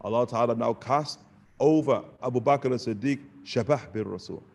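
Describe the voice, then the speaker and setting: Gravelly man teaching casually. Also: mid-range voice, moderate pace, a little mellow. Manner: conversational, sprinkles Arabic phrases, asks "you get the point?". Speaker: religious teacher. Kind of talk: casual question-and-answer lesson.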